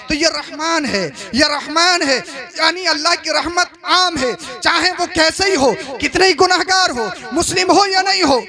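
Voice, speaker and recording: A man preaching a religious sermon who repeats his phrases and builds to impassioned shouting. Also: extremely high pitch. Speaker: Islamic preacher. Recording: live event with crowd behind.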